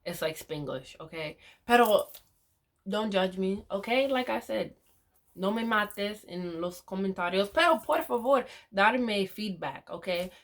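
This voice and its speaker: Slow, hesitant woman vlogging in learner Spanish. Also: mid-range voice, expressive. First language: English. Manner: hesitant, self-correcting, mixes in English. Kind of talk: casual vlog in learner Spanish.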